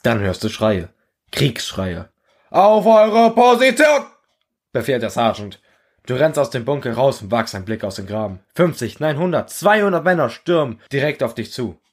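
A man reading his own short story aloud in a measured, earnest second-person storytelling voice. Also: medium pitch, animated. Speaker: narrator.

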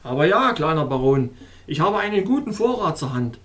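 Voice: medium pitch, very animated, a little fast, fairly bright tone. A reader voicing a male official of an ice kingdom in an audiobook, reassuring and matter-of-fact. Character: master of the meat quarries, helpful male official. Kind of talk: audiobook character voice.

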